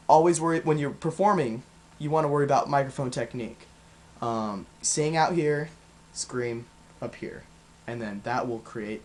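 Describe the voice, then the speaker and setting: Young man casually teaching vocal technique. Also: mid-range voice. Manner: relaxed, rambling, with fillers. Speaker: vocal coach. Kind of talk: casual video lesson.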